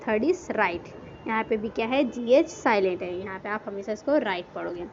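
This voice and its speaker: A woman's voice: medium pitch, moderate pace. A woman teaching an English grammar lesson, spelling words out letter by letter and asking and answering her own questions, mixing English words into her Hindi. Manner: asks questions and answers them herself. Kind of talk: classroom lesson explaining words. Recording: dull lo-fi recording with faint noise.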